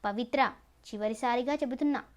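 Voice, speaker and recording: A woman's voice: on the high side, brisk, natural voice. A woman voicing a cruel young male villain in an audio story, taunting and threatening. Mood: menacing. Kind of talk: storybook narration.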